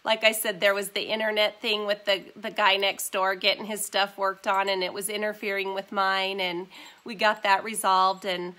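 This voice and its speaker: A woman's voice: mid-range voice, level tone, moderate pace, bright, forceful tone. A woman in her forties hosting her first live stream from home on a phone, chatting casually, reading comments and apologizing for her nasal, sniffly voice and her ums. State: stuffy, nasal from a sinus cold. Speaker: vintage shop owner hosting a live stream.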